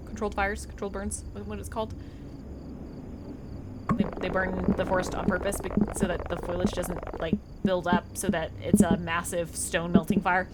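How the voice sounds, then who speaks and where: A woman's voice: mid-range voice, background noise. A woman streamer commenting on a horror game, sarcastic and exasperated. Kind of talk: gameplay commentary.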